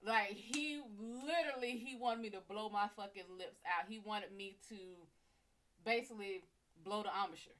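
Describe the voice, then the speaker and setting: A woman hosting a live stream, telling a story in casual, animated, profane talk and calling listeners honey and baby. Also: mid-range voice, moderate pace. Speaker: psychic reader and live show host.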